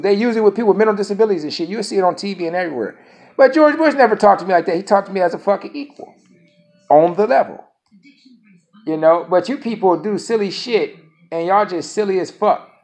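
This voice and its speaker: A man in his thirties speaking a casual monologue to camera, rambling and profane, often repeating his phrases. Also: high voice. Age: 30s. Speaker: vlogger.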